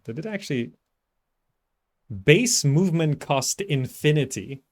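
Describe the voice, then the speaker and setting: Over background game music, a man comments casually on his gameplay, thinking out loud and frequently trailing off as he muses. His voice is a little high and a little mellow, expressive, and measured in pace. He hosts gaming videos.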